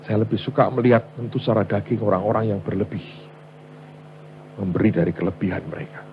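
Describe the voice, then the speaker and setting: A male pastor preaching a sermon in a storytelling way, going from loud to hushed. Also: lowish voice, fairly even intonation, fast, a little hiss or hum. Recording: dull lo-fi sermon recording.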